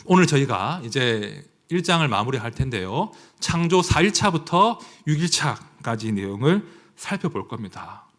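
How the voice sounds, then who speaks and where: A man preaching a sermon as pastor, emotional and conversational, dropping to hushed asides and rising to outcries, reading scripture aloud in a louder formal voice. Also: mid-range voice, very animated, moderate pace, few pauses. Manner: conversational, asks the congregation for agreement.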